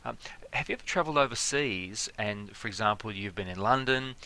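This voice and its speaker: Bright-voiced man explaining. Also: lowish voice, lively intonation, brisk. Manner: conversational, many fillers and examples. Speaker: teacher. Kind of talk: explanatory lecture.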